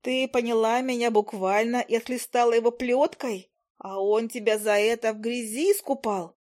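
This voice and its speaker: A woman's voice: fairly high pitch, fairly even intonation, normal speed, darkish tone, lightly acted. A woman voicing a dramatic, fussy female fairy friend who scolds and exclaims theatrically. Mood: scolding.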